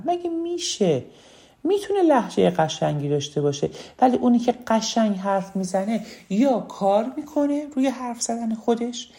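A woman's voice: mid-range voice, vocal fry, warm tone. A woman giving a spoken lesson on public speaking, emphatic and repeating key phrases.

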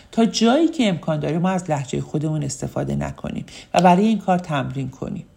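A woman gives a public speaking lesson to her online students. Her voice is fairly low and has a gravelly edge. She talks in a friendly, chatty way, with fillers along the way. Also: a little mellow. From Ramsar, Iran.

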